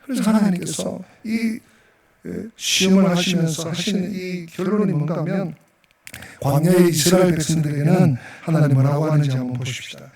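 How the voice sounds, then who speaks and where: A male pastor preaching a sermon in a church sanctuary, animated and full of rhetorical questions. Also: high voice, a little fast. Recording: echoey church hall, distant mic.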